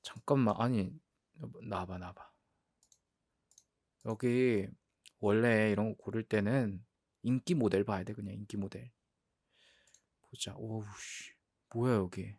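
A man playing a playful, defensive young boyfriend in a role-play ASMR audio drama, talking haltingly and repeating his words as he protests. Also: lowish voice, a little mellow, dry recording, studio quality. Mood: curious, hesitant.

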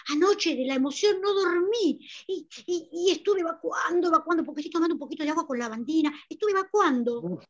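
A woman's voice: extremely high pitch, expressive, a little fast, highs cut off. A woman playing a chatty elderly mother who rambles and pleads, with a Rioplatense Spanish accent, full of hesitant fillers. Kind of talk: amateur theatre play over video call.

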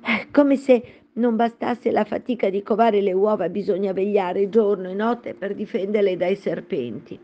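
A woman's voice: mid-range voice, sing-song, moderate pace, warm tone, lo-fi sound, voice pushed up. A woman voicing a suspicious, complaining mother pigeon in a storybook reading. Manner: accusing, complaining. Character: shrill suspicious female pigeon guarding her eggs.

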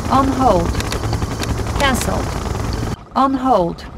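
A calm, impersonal female battle computer for a strategy game. She delivers clipped alerts slowly in a fairly high voice, with heavy battle noise behind her. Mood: detached. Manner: measured, detached, clipped. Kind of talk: scripted game status announcements. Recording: very loud gunfire and explosions behind.

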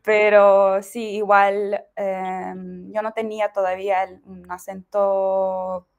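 A young Ukrainian woman, a guest in a relaxed interview, speaking with a Mexican Spanish accent. She talks chattily, laughs often and restarts words mid-sentence. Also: mid-range voice, takes it slowly, clear, resonant tone, dull audio. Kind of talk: casual interview chat.

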